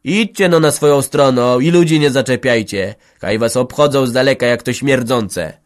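A man reading an audiobook, voicing a sharp-tongued blind old peasant woman who scolds firmly. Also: mid-range voice, moderate pace, voice pushed up, natural voice. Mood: scolding. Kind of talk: audiobook character voice.

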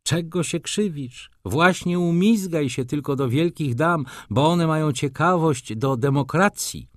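A man's voice: a little high, measured pace, no echo, studio quality, pitched above the performer's own voice, close to an everyday voice. A man voicing a cynical, mocking doctor. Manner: sardonic, teasing, expansive. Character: cynical, mocking male doctor, middle-aged.

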